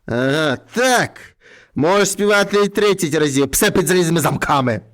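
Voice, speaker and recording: A man's voice: a little high, expressive, normal speed, a bit bright. A man voicing a fierce, menacing male bear in a read-aloud fairy tale. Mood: gloating.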